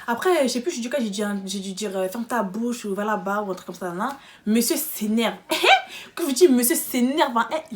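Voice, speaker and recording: A young woman telling a storytime vlog in an animated, slangy, quick way. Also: high voice. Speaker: vlogger.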